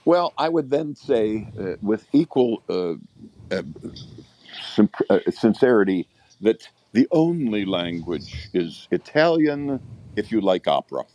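A man with a lowish, dark voice and big pitch swings co-hosts a casual panel discussion on a podcast. He voices blunt opinions in a halting way, frequently restarting his sentences.

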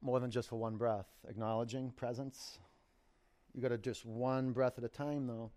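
A man with a mid-range voice guides a yoga and meditation class. He speaks in short, unhurried phrases and leaves pauses between his instructions. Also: mid-range voice, little pitch movement, darkish tone.

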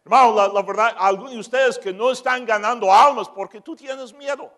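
A man preaching a sermon as pastor, moving from shouted peaks to joking asides. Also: extremely high pitch, fairly quick.

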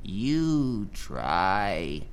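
A man voicing a small sickly alien who speaks in slow, croaking, broken phrases. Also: on the low side, sing-song, heavily acted. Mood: grumbly. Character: small sickly alien stranded on earth, terse.

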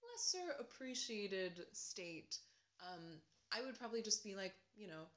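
A woman's voice: medium pitch, very animated, unhurried, fairly bright tone. A young American woman in casual chat, rambling and self-deprecating, often breaking into laughter.

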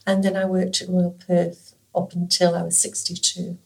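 A low, gravelly woman in her sixties talks in a flat, even tone. She speaks softly and hesitantly, with plenty of fillers, as a retired nurse being interviewed. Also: normal speed. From England. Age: 60s. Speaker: interviewee, former nurse and carer. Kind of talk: conversational interview.

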